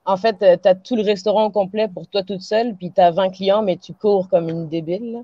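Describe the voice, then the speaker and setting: A woman's voice: mid-range voice, fairly even intonation, no room sound. A woman with a French accent from France chats playfully on a video call into a podcast. Her voice comes through dry and a little dull, like compressed call audio. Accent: French from France with Québécois touches. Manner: playful, quick to laugh. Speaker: caller. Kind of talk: casual call-in chat.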